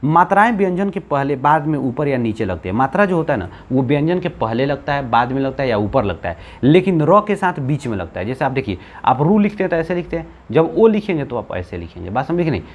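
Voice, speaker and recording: A man's voice: medium pitch, big pitch swings, fast, few pauses. A man with a Bihari Hindi accent teaching Hindi grammar, asking the class questions, answering them himself and repeating key points. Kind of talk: classroom-style lesson.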